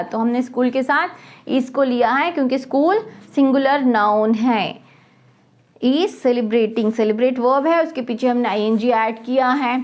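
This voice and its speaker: A woman teacher with an Indian accent explaining a grammar worksheet to schoolchildren. She reads the English sentences out slowly, then explains them quickly, and asks questions that she answers herself. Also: high-pitched.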